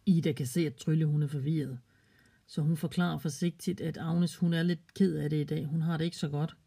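A storyteller narrating a children's story in a calm, gently expressive way. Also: medium pitch, creaky, breathy edge.

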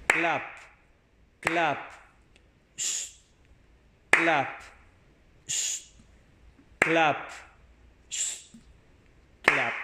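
A man teaching a music lesson, patiently explaining rhythm exercises and counting beats aloud. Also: a little high. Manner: patient, slow, counts beats aloud and demonstrates claps and shushes. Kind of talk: explanatory lesson audio for students.

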